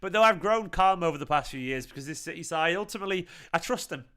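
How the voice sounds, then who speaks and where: A man with a Manchester accent, hosting a live football fan reaction stream, chatting excitedly and swearing while reading viewer comments. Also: on the high side, quick pace, clear, resonant tone. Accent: Mancunian. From Manchester, England. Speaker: football fan channel host.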